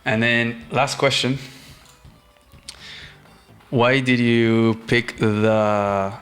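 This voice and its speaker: A man hosting an interview in a relaxed, encouraging way, asking questions and giving short affirmations. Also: mid-range voice, very slow, faint music behind. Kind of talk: casual interview.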